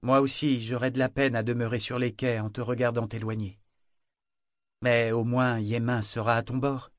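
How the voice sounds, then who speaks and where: A young woman sailor speaks calmly, holding her anger in check, as a male narrator reads her. Her lines sit slightly higher than the narration, in a dry, close recording. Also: no echo, close to an everyday voice. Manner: calm, measured.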